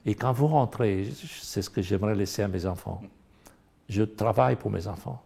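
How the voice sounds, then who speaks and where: A middle-aged man with a Romanian accent speaks in a Bible study discussion, his voice dark and mellow with a gravelly edge. He talks earnestly and builds to emphatic stress on the points he cares about. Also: fairly low pitch, normal speed.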